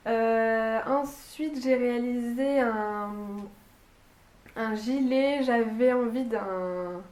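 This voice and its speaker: A woman's voice: on the high side, darkish tone, reverberant. A woman with a Lille accent chatting casually to camera about her sewing projects, hesitant and full of fillers and restarts, at home. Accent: Lille, northern France. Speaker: sewing and knitting vlogger. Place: room at home with a bay window.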